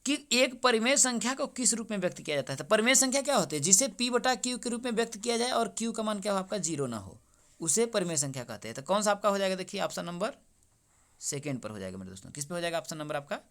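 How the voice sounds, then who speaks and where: A young man with a bright, forceful voice walks through exam answers. He keeps asking each question back, calls his listeners his friends, and then repeats the answer. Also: high-pitched, sing-song, fast talker. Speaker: exam-prep teacher. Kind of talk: exam paper solution lesson.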